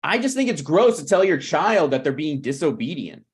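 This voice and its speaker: Reading a part at a script table read, a man in his thirties voices a struggling screenwriter, needy and prickly, pressing his points conversationally with an accusing mood. He sounds a little high, sing-song and husky, at a moderate pace.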